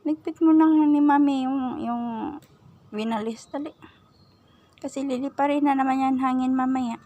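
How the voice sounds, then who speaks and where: A woman's voice: sits high, steady tone, moderate pace, dark tone, muffled recording. A woman talking doting baby talk to her cat at home, mixing Tagalog and English. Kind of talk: casual baby talk to a pet. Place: outdoors at home after sweeping.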